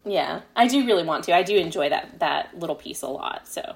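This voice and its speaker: Over crowd noise, a woman with a lowish, gravelly voice speaks briskly and with lively intonation. She's the guest author in a casual podcast interview, explaining things tentatively while thinking aloud.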